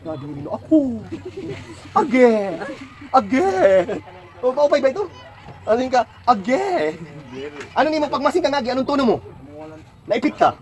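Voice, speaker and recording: A man's voice: very high voice, very animated, moderate pace, long pauses, darkish tone. A man tutoring a child at home, patiently coaxing answers with lots of questions. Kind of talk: home lesson, quizzing a child.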